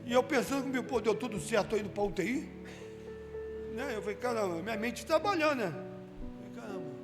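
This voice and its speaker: A man from Rio de Janeiro, a church deacon telling his testimony in an animated way and acting out his own quotes. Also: extremely high pitch, quick pace. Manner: animated storyteller who acts out his own quotes, rising to shouts at the peaks. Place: church hall. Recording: reverberant church hall with music behind.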